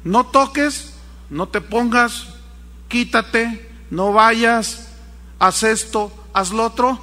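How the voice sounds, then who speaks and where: A man preaching a sermon, telling a story with animated acted-out voices. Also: very high voice, extremely slow, in a large hall. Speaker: pastor.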